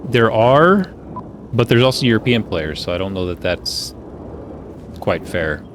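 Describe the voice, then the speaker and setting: A man's voice: lowish voice, sing-song, a little slow, slight background noise. A young man streaming a game from a home room, rambling casually with lots of filler words into a desk mic. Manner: rambling, filler-heavy musing. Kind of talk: casual gameplay commentary.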